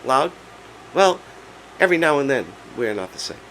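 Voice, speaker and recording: A man of sixty with laryngitis, his hoarse voice giving out as he chats casually and haltingly as a vlog host. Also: mid-range voice, sing-song, a bit bright, slight background noise, rough recording. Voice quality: hoarse, breaking voice. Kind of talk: casual personal vlog, chatty storytelling.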